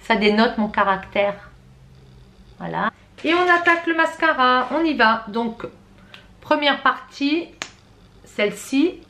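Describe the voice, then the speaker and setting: A woman's voice: high-pitched, animated, slow, pauses often, pushed and bright. Chatty woman doing a makeup tutorial. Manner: chatty, self-correcting, addresses viewers directly. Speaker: beauty vlogger.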